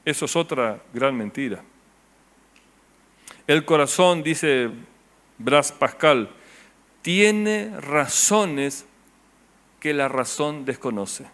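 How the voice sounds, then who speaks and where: A man with a Rioplatense Spanish accent preaching a sermon as pastor, asking the congregation rhetorical questions and dropping his voice low and soft on key words. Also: expressive, drawn-out words, long pauses.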